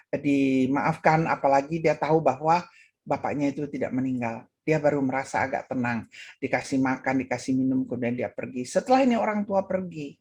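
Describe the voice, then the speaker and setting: A woman with an Indonesian accent preaching at an online women's gathering, telling a story and acting out its voices. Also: darkish tone. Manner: acts out voices in her story, pitch swinging high and low. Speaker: women's ministry speaker. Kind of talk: sermon with a told story. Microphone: video call.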